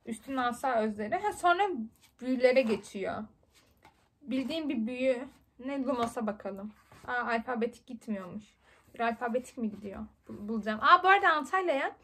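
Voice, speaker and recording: A woman in her twenties chatting very fast and excitably while unboxing books for her vlog. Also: on the high side. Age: 20s. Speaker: book vlogger. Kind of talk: casual unboxing chat.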